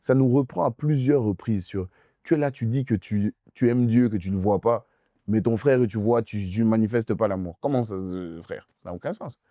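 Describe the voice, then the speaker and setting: A man's voice: lowish voice, moderate pace, mellow, dry recording, studio quality. A young man preaching as pastor in a youth question-and-answer session, emphatic and insistent, repeating phrases straight at the listener.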